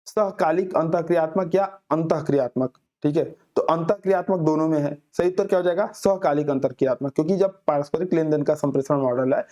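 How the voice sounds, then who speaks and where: A man teaching an exam-prep class, explaining answers with homely examples and reading questions out slowly. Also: a little high, warm tone. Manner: reads English questions out very slowly, then explains with everyday examples. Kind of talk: Hindi lecture solving exam questions.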